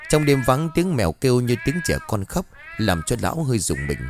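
A man's voice: medium pitch, sing-song, fairly quick, music in the background. A man narrating a horror folk tale with suspenseful, dramatic storytelling.

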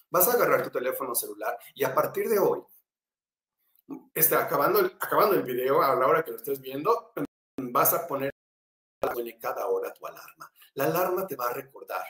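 A man who works as a spiritual therapist, explaining an exercise in an animated way, often repeating phrases and asking rhetorical questions. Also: mid-range voice, echoey room. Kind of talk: spiritual self-help talk.

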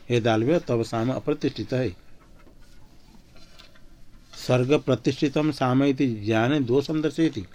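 A man's voice: mid-range voice, darkish tone. A man teaching a scripture class, reciting Sanskrit lines and then explaining them in Hindi. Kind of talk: Sanskrit commentary lesson. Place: ashram class.

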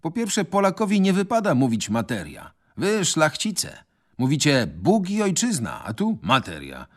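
A man voicing a mocking, sharp-tongued shaggy young man in a radio reading of a novel. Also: a little high, wildly swooping pitch, measured pace, pitched above the performer's own voice, heavily acted. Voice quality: taunting, jeering.

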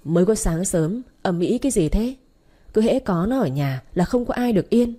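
A woman's voice: mid-range voice, lively intonation, normal speed, warm tone, lightly acted. A woman voicing an irritated older mother-in-law who scolds the household.

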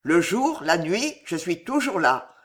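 A man's voice: sits high, exaggerated voice. A man voicing a cool, wry young chevalier who taunts noblemen before a duel. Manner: calm, wry, unhurried.

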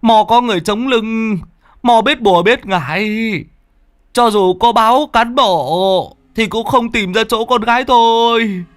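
A man voicing a desperate village father who pleads in a high, strained voice. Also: takes it slowly, pauses often, fairly bright tone, no room sound, heavily acted. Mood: desperate pleading.

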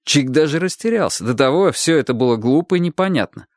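A man narrating a story as an audiobook reader, in an expressive storytelling manner. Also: on the high side, quick pace, dry recording, clean studio sound. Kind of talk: scripted narration.

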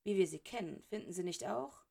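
A woman's voice: medium pitch, animated, a little fast, creaky, warm tone. A woman reading as a dry, sarcastic middle-aged male wizard in a storybook, close to her own voice. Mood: sardonic. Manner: dry, sardonic. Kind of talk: audiobook character reading.

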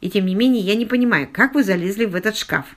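A woman's voice: medium pitch, quick pace, natural voice. A woman voicing a naive, astonished young man in an audiobook. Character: wide-eyed, bewildered young man.

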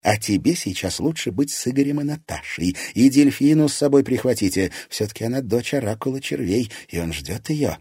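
A man voicing a calm, determined young heroine who reassures her friends tersely. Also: mid-range voice, brisk, few pauses, breathy edge, dry recording, studio quality, pitched above the performer's own voice. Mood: reassuring.

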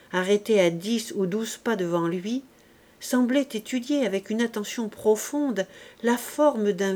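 A woman narrating a classic novel as an audiobook in a measured, expressive reading. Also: mid-range voice. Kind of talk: slow literary audiobook narration.

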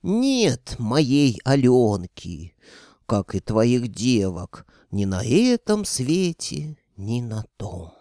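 A man voicing an ancient, cranky male ghost sorcerer who creaks and wails in drawn-out, boastful outbursts. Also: mid-range voice, huge pitch swings, warm tone, no room sound, clean studio sound, exaggerated voice. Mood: grim.

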